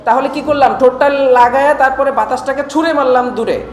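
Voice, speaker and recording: A male teacher leads a lesson with steady question-and-answer drilling, his voice sitting fairly high. He explains pronunciation patiently, step by step. The recording is roomy and echoey, with a faint hiss underneath. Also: quick pace. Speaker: English teacher. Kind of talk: classroom teaching. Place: classroom. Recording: echoey hall with faint noise.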